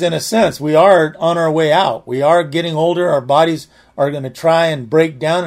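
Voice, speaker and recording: A man in his late sixties gives a verse-by-verse Bible teaching. His voice sits a little higher than most men's, and he talks in a loose, chatty way, circling back and restarting sentences as he goes. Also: a little mellow. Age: 60s. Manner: conversational, repeats himself, restarts phrases. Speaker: pastor.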